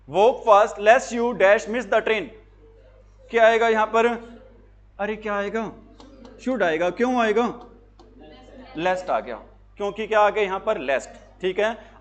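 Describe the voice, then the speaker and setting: A high-voiced man lectures a class on grammar. He fires questions at his pupils, then answers them himself, repeating key words with emphasis. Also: fairly bright tone. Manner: repetitive, emphatic teaching. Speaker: English teacher for job exams.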